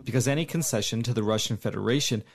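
A man working as a live interpreter, giving a formal statement in a steady voice-over. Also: medium pitch, quick pace, creaky, slight background noise.

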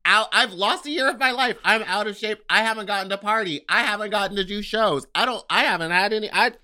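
A man in his thirties co-hosting a podcast in casual chat, expressive and exasperated. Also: sits high, quick pace. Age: 30s. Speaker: podcast co-host.

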